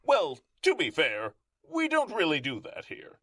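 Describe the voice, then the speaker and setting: A man voicing a calm, smug superhero who brushes off the villain. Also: a little high, a little slow, full character voice.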